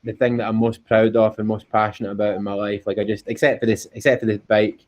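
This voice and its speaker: A Scottish man with a lowish, darkish voice talks quickly and with little pitch movement as an interview guest, an endurance cyclist. He chats informally and earnestly, often repeating himself. The audio is dull and lo-fi, like a call recording.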